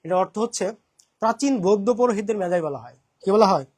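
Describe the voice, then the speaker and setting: A man's voice: high voice, expressive, fast, darkish tone. A young man with a Bangladeshi Bengali accent teaching an admission-prep English lesson, asking questions and repeating his points.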